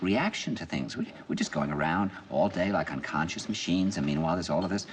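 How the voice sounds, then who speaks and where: A low-pitched male actor, brisk and lively in intonation, delivers film dialogue as an intense middle-aged man opening up over dinner; there's a bit of hiss or hum. He sounds earnest and searching, and his lines swell into emphatic outbursts.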